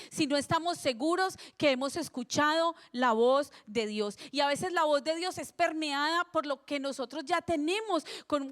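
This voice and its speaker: A middle-aged woman pastor with a high voice delivers a sermon in a church. She preaches in a chatty, personal way and keeps asking the congregation questions to draw them in. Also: fairly bright tone.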